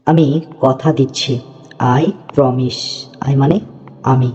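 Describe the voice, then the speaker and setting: A man teaching English phrases in a slow, patient lesson, repeating words and checking that his students follow. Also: mid-range voice, fairly even intonation, mellow. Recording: dull lo-fi audio with long reverb.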